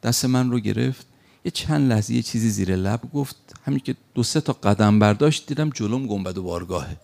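A man with a low, gravelly voice delivers a sermon as a story. He speaks emphatically and slips into the voices of the people he quotes. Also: darkish tone. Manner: recounts an anecdote with acted quotes, emphatic. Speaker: preacher.

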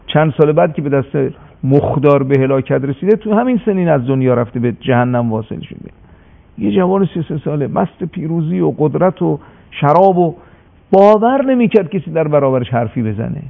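A man giving a sermon-like religious story, impassioned and slowing down for emphasis on a radio broadcast. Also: a little high, lively intonation, vocal fry. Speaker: religious speaker. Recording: tinny phone-like radio broadcast.

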